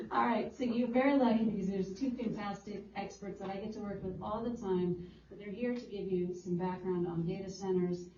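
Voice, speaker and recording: A woman introducing speakers at a public town hall meeting, friendly and halting with fillers. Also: mid-range voice, steady tone, mellow, a little hiss or hum. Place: large echoey public hall. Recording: dull roomy recording from far off.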